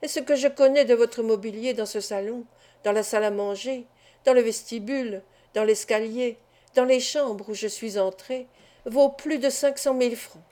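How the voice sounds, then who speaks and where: A woman voicing a calm, gently smiling male police commissioner in an audiobook, softly polite. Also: fairly high pitch, moderate pace, close to an everyday voice.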